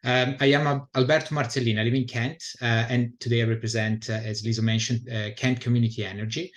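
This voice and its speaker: A man's voice: medium pitch, flat delivery, fast talker. A middle-aged man from Italy with an Italian accent, presenting his community energy group on a webinar call, with many fillers and restarts. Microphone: video call.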